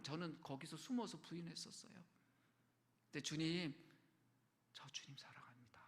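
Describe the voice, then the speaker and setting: Korean pastor preaching with gravelly warmth. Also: male voice, on the high side. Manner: shifts between quiet near-whispers and raised emphatic lines. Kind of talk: sermon. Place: church sanctuary. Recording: long hall reverb.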